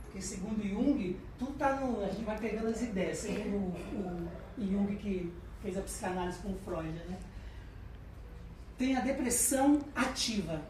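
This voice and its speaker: A woman with a Brazilian accent giving a humorous motivational talk to an audience. She is chatty and animated and acts out voices. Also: mid-range voice, normal speed. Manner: chatty, tags lines with "né". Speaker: lecturer. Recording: echoey, mic far off, background noise.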